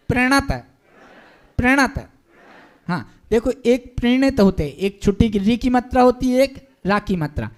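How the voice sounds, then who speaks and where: A man teaching a Hindi-language devotional class, patiently drilling pronunciation by stretching out syllables and having the class repeat them. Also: sits high. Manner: slow, drawn-out syllable drilling, patient and encouraging. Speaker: Jain monk teaching a class. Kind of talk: pronunciation lesson, call and repeat.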